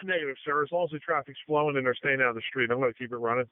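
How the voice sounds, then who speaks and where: A man supervising police in the field, giving brisk, directive instructions over police radio. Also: mid-range voice. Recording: tinny narrow-band police radio audio.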